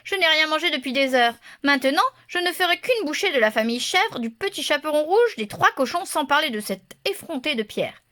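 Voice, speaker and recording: A woman voicing a sentimental, hungry young male wolf in a children's storybook reading, grumbling and gruff yet softhearted. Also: high-pitched, animated, brisk, hardly any pauses, pitched above the performer's own voice.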